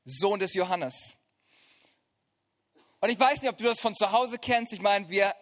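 A middle-aged man preaching a sermon, retelling scripture as a lively story with casual, joking asides. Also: extremely high pitch, fairly quick.

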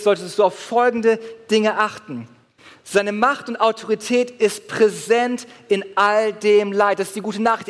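Pastor, male, high voice, delivering an animated sermon in a church hall with a long reverb. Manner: animated preaching with acted-out gym anecdotes.

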